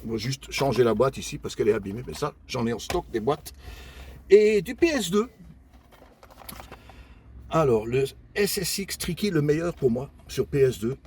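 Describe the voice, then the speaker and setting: An older flea-market collector hosts a casual show-and-tell vlog, calmly going through his finds one at a time with many pauses and fillers while chatting warmly with viewers. His voice is husky and medium-pitched.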